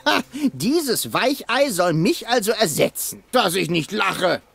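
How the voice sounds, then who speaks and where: Brief: a vain, scornful game rival, gravelly voice with big swings in pitch. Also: male voice, very animated, takes it slowly, a bit bright, heavily acted. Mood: sneering. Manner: sneering, mocking. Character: arrogant rival young man, sneering and vain. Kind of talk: adventure game dialogue.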